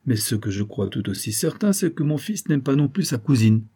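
A man's voice: medium pitch, sing-song, brisk, mellow, breathy edge, voice pushed up. A man reading an audiobook and voicing a worried aristocratic father, a viscount who asks abrupt, probing questions.

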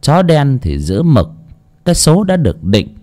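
Mellow, highly expressive male storyteller. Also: a little slow. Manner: dramatic, expressive. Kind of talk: dramatic folk-tale narration.

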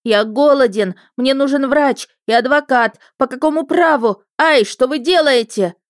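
A woman doing a shrill, whining water spirit. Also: unhurried, dry recording, studio quality. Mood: indignant shrieking. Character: whiny shrill male water-spirit prisoner.

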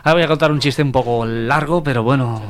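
A man's voice: medium pitch, quick pace. A man with a Spanish accent, hosting a radio comedy show and reading a listener's long joke while acting out the characters' lines. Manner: casual joke-telling that acts out the characters' lines.

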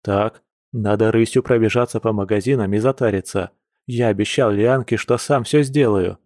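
A man voicing a flustered werewolf father in an audiobook, gruff and blustering. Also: on the low side, moderate pace, a little mellow, dry recording, clean studio sound, close to an everyday voice. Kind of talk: audiobook character voice.

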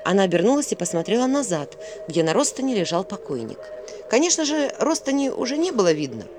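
A woman narrating a fairy tale in an expressive storytelling manner. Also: medium pitch, quick pace, noisy background. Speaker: audiobook narrator.

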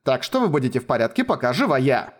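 A man voicing a cocky, sharp-tongued young sorceress who speaks curtly and sarcastically. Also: medium pitch, sing-song, fast. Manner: curt, sarcastic.

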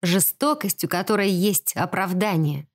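A woman narrating a novel in the first person, in a lively, expressive reading voice. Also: fairly low pitch, normal speed. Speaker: audiobook narrator.

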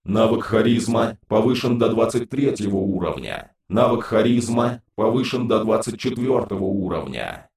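Game system voice, flat announcer, deep and echoing from afar as a male narrator reads it. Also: normal speed, far from the mic. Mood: neutral.

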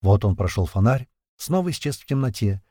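A man narrating an audiobook in a steady, tense, vivid storytelling manner. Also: on the low side, brisk, breathy edge, no room sound, clean studio sound.

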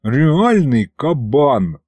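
A man's voice: high voice, huge pitch swings, a little slow, a little mellow, husky, no echo, pitched above the performer's own voice, heavily acted. A man voicing a streetwise male imp with hooves and a pig snout who talks in slang and fawns over his boss. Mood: cocky.

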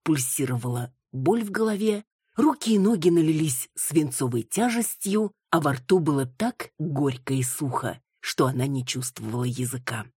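A woman narrating an audiobook in an even, measured reading. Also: low voice, husky, dry recording.

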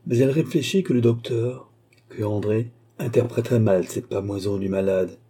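Man narrating an old novel, very dark mellow voice, kinda husky, calm reading. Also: lowish voice, moderate pace. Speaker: audiobook narrator. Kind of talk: scripted narration of a classic novel.

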